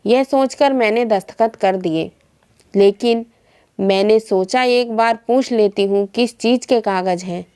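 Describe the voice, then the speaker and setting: A woman's voice: on the high side, a little mellow, clear, resonant tone. A woman telling a family moral story in the first person, in an earnest and reflective reading.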